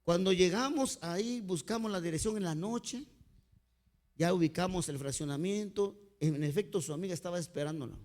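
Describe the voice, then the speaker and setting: Man, Mexican accent, pastor, sermon, fairly high voice, earnest storytelling, direct address to listeners. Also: moderate pace. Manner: dynamic delivery, sudden swings in loudness.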